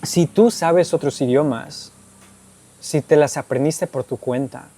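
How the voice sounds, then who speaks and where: A man with a warm voice on the high side speaks a little slowly, explaining answers to viewer questions in a casual YouTube Q&A. His Spanish is a learned second language, and he punctuates statements with "¿ok?" and "¿verdad?".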